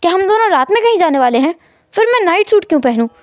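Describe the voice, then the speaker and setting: A jittery young husband who stammers and pleads, his voice rising high and quick, as a woman puts him on. The sound is dry and close, with no room around it. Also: animated, gravelly, a little mellow, no echo. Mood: protesting.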